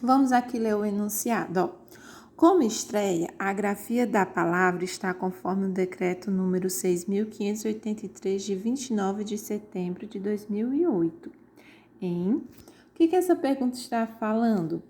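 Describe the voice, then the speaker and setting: A woman teaching an online grammar lesson, explaining slowly and pointing out examples on screen. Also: mid-range voice, darkish tone.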